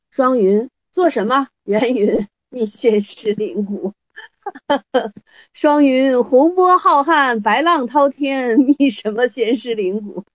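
A woman leading a Buddhist study group through a Zen koan. She reads the classical text slowly, then explains it in a lively, teasing way with many rhetorical questions. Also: a little high, dry recording.

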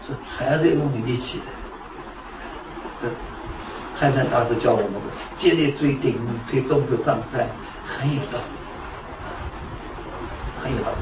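A man's voice: mid-range voice, normal speed, long pauses. Man giving a Buddhist talk from far off. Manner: storytelling, asks rhetorical questions. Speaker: Buddhist teacher. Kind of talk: dharma talk. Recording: echoey room, distant mic, noisy.

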